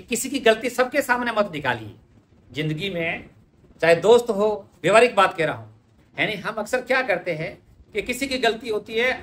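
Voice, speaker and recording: This man's voice is high and a bit bright as he chats his way through a Hindi spelling lesson, saying every word again while writing it out on a board. The room echoes, and there's faint noise in the background.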